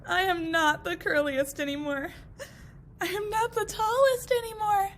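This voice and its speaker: A chorus of eager grass blades from a storybook, loud and excitable, squealing high and bright, as a woman voices them. Their talk bursts with big reactions, and their sounds ring sharp and lively. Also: takes it slowly, slight background noise, full character voice. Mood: dismayed. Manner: cheering, excitable.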